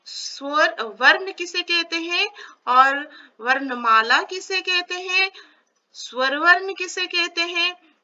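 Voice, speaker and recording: A woman teaching a lesson, sounding out each vowel slowly, asking questions and answering them herself, mixing in English words. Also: sits high, pushed and bright, dull audio. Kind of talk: classroom explanation.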